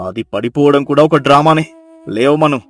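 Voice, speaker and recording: A man voicing a bitter young husband in an animated storybook, shouting his contempt. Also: a little high, normal speed, natural voice. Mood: furious. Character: furious bitter young husband, scornful and cruel.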